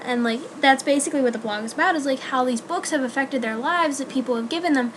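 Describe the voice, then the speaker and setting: A young woman with a slightly raised voice talks to her viewers in a loose, rambling vlog chat. Her sentences keep circling back through "like" and "um" as she tells her stories. There is a faint hiss under her voice. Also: on the high side. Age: young adult. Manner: rambling, full of "like" and "um". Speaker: student vlogger. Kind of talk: casual chat to camera.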